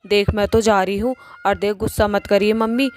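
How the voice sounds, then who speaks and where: A woman voicing a pushy, lovesick young witch daughter in a cartoon, talking in a loud nagging way. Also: mid-range voice, steady tone, moderate pace, lightly acted.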